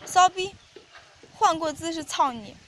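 A woman voicing a coarse, domineering man in an audio story, barking orders loudly in a slightly lowered voice. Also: animated, unhurried, a little hiss or hum, exaggerated voice.

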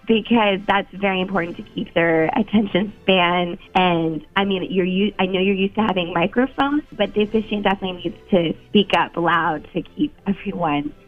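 A woman's voice: medium pitch, normal speed, hardly any pauses. A woman calling in to a radio show, casually giving advice over the phone. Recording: tinny phone line, faint music.

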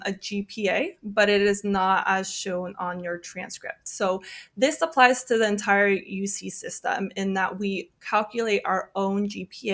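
Soft-trailing woman admissions officer. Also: medium pitch. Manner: explains with frequent ums and rights. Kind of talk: podcast interview.

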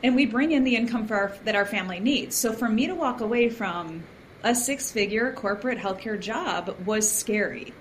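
A woman who is a guest on a podcast, sharing her story in a chatty, animated way with many fillers. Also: medium pitch, normal speed, slight background noise. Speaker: podcast guest, founder of a moms community. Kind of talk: casual podcast conversation.

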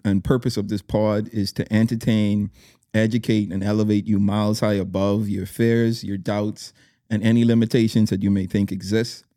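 A man's voice: on the low side, dark tone, no echo, clean studio sound. A man hosting a podcast, upbeat and hyping up his guest with loose, chatty talk. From Bahamas. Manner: upbeat, hype-style welcomes, lots of fillers and restarts. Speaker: podcast host.

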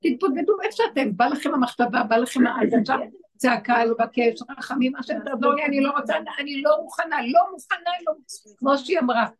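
A woman leading a religious lesson for women, urging her listeners on with short, repeated phrases. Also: high-pitched. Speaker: spiritual teacher leading a women's class.

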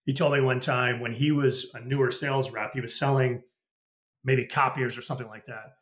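A man's voice: mid-range voice, fairly even intonation, fairly quick, a bit bright. Candid middle-aged man in a roomy space. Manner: candid, anecdotal, many restarts and "you know". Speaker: podcast guest, retired tech sales executive. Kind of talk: casual storytelling interview. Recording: roomy echo.

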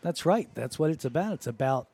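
A man's voice: a little high, animated, a little fast, gravelly, warm tone, slightly rough. A man working as color commentator on a local football broadcast, chatty and joking in his asides. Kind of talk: casual broadcast banter.

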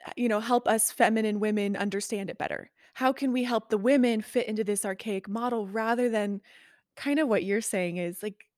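A woman's voice: on the high side, darkish tone, dry recording, studio quality. A woman hosting a podcast interview, effusive and enthusiastic in how she talks. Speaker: podcast host.

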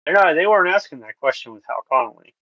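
A man's voice: fairly high pitch, lively intonation, fast talker, pushed and bright, no room sound, muffled recording. A man co-hosting a podcast in casual chat, talking in a rambling way with many fillers and restarts. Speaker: podcast co-host.

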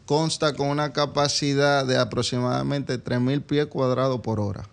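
A man's voice: mid-range voice, fairly even intonation, normal speed, gravelly, clear, resonant tone. A man with a Caribbean Spanish accent from the Dominican Republic, speaking conversationally as an interview guest. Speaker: interview guest, advertising company businessman.

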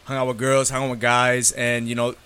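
A man's voice: medium pitch, monotone, a little fast, bright, forceful tone, smooth. A young man in his twenties co-hosting a casual podcast, rambling frankly with lots of fillers. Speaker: podcast co-host. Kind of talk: casual chat.

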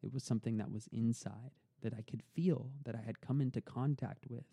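In a relaxed interview, a young podcast guest earnestly recounts his story, thinking out loud and often repeating words. His medium-pitched voice is steady, warm, creaky, and slightly rough, delivered briskly with no echo.

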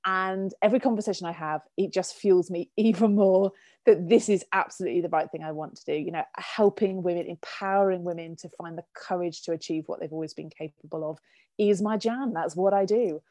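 A British woman, a business coach, talking as a podcast guest over a remote call, with frequent laughs and quick bursts of speech. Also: fairly low pitch, no room sound. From United Kingdom. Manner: warm, laughs often, fast bursts. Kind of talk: casual podcast chat.

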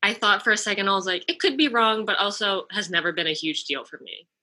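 A young woman with a husky voice, chatting as a podcast guest in a laid-back, giggly way. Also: medium pitch, fast, bright, forceful tone. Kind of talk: casual podcast chat.

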